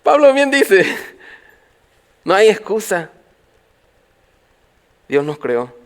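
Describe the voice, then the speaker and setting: Higher-voiced man preaching a sermon. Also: very animated, extremely slow. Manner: preaching with rhetorical questions to the congregation; swings from loud calls to quiet low phrases. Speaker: pastor. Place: church.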